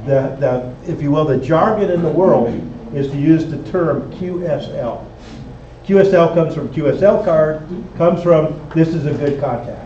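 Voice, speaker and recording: In an indoor club meeting room, an amateur radio instructor with a slightly high, dark-toned voice explains things to the group at normal speed. His manner is practical and hands-on, with frequent checks that people are following; the audio is echoey, distant, dull, and faintly noisy.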